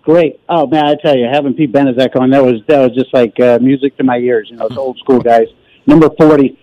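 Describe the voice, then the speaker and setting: A man's voice: medium pitch, steady tone, fairly quick, dry recording. A man calling a sports radio show by phone, talking casually and emphatically with strong opinions. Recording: dull, band-limited phone call.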